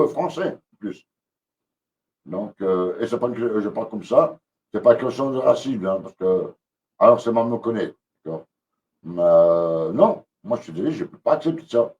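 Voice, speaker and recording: A man's voice: fairly low pitch, darkish tone, recorded from a distance, lo-fi sound. A man ranting angrily on a live stream, repeating himself and hesitating often. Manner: agitated, repetitive, many hesitations. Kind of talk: angry live-stream rant.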